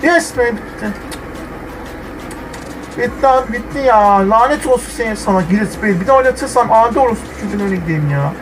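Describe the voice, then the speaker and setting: A young man playing a football video game, commenting live and swinging from muttering to yelling at the players. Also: high-pitched, expressive, fairly quick, background noise. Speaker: gamer.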